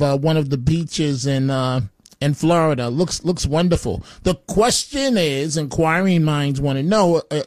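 Talk radio guy ranting, combative and chatty, kinda high voice, dry mic. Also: a little mellow, no room sound. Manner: chatty, combative, with frequent fillers. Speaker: radio talk show host. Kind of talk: opinionated talk radio monologue.

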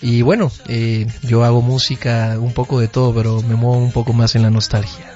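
A man's voice: mid-range voice, little pitch movement, fairly quick, darkish tone. A young man speaks as a guest in a radio studio booth, with a mid-range voice and an easygoing, friendly manner. The broadcast sound is slightly dull, and faint music plays underneath. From Guatemala. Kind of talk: casual radio interview. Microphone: studio microphone.

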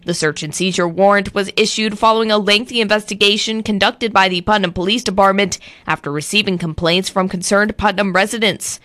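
A woman reading the local news and weather on the radio in a smooth, polished broadcast delivery from a script. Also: mid-range voice, a little fast, few pauses, no echo. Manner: polished, even-paced read from script.

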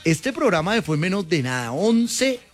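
High-voiced Colombian man hosting live radio. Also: big pitch swings, normal speed, music in the background. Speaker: radio show host. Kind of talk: excited live sports call-in chat.

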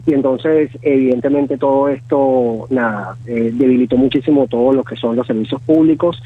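A Venezuelan man in his thirties, with a Venezuelan Spanish accent and a husky, medium-pitched voice, is a guest in a phone interview heard over a tinny line. His speech is halting, full of fillers and restarts.

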